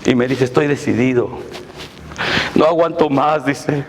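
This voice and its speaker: A man in his forties, a pastor preaching a sermon with rising intensity and occasional shouts. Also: mid-range voice, unhurried. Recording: echoey hall, faint noise.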